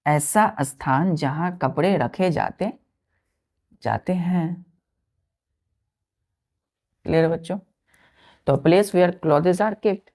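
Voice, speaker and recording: A woman teacher with a low, slightly mellow voice runs a vocabulary lesson, spelling words out letter by letter and counting aloud. She repeats every word and keeps checking that her students are following.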